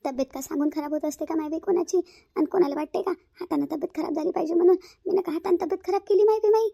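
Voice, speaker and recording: A woman's voice: high-pitched, steady tone, very fast, gravelly, warm tone. A woman voicing a lazy, scheming young woman who fakes illness in a whiny, drawling voice. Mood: whiny sick.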